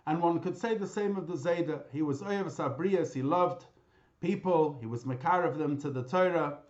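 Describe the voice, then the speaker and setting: A man, a rabbi, giving a memorial talk with lively storytelling, mixing in Hebrew and Yiddish terms, heard over a video call. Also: on the high side, normal speed, muffled recording. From Britain.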